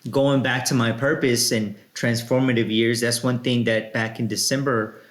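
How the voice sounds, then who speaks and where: A man's voice: mid-range voice, level tone, moderate pace. A man in his late thirties hosting a casual podcast, telling stories in a laid-back way with fillers. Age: 30s. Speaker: podcast host. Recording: roomy echo.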